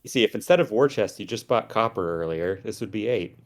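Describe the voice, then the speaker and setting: A low-pitched man explains the play in a relaxed, analytical way. His commentary is casual, with a dry sense of humor. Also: a little fast. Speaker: game commentator.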